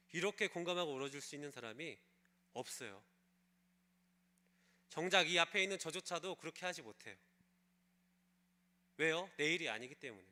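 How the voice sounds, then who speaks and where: Bright-voiced man preaching a sermon. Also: high voice. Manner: storytelling, asks the congregation questions. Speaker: pastor. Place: church service.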